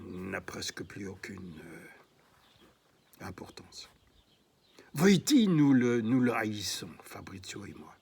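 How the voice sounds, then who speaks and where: Slow, gravelly man reading his prose. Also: mid-range voice. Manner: halting, with frequent restarts and filler sounds. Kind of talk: literary reading.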